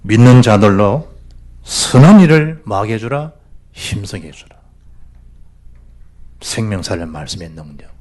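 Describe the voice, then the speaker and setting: A male pastor with a Gyeongsang accent preaching a sermon in church, swinging between loud exhortation and hushed asides. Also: lowish voice, expressive, a little slow, pauses often. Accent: Gyeongsang Korean.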